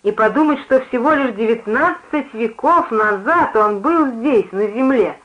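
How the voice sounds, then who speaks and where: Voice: medium pitch, animated, a little slow, close to an everyday voice. A reader voicing a tipsy male drunkard who heckles and argues mockingly, on a muffled lo-fi recording. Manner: mocking, argumentative.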